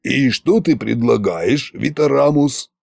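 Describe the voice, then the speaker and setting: Koschei, a self-satisfied old tsar-sorcerer, drawls and grumbles in a slow, dark voice, as a male narrator puts him on. He talks in folksy, scheming asides, and the sound is close and dry. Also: medium pitch, lively intonation, creaky, no echo, heavily acted.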